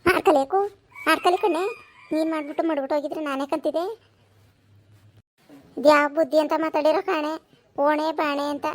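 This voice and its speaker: Woman doing a shrill, scolding village mother-in-law, old and quarrelsome, comedy skit. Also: steady tone, fairly quick, pauses often, natural voice. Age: older. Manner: scolding, then wailing in a high pitch. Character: nagging elderly mother-in-law, sharp-tongued and whiny.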